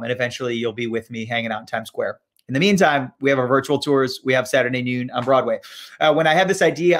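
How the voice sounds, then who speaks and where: A man hosting a casual live-stream interview, chatty and self-deprecating, with plenty of fillers. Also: medium pitch. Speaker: host.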